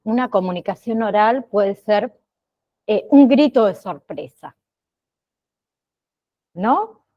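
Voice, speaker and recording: Woman teacher, slow and steady, keeps asking "¿sí?", bit muffled sound. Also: medium pitch. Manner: slow, checks in with frequent "¿sí?" and "¿bien?". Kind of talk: online class lecture.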